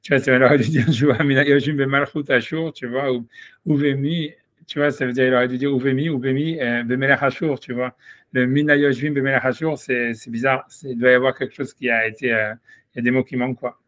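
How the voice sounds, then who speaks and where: A man leads an informal Talmud study session. He reasons aloud, restarting his sentences and adding quick asides. His voice sits at an ordinary middle pitch. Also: fairly even intonation, a bit bright. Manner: hesitant, thinking aloud, many restarts. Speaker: rabbi teaching Talmud. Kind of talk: informal study-class explanation.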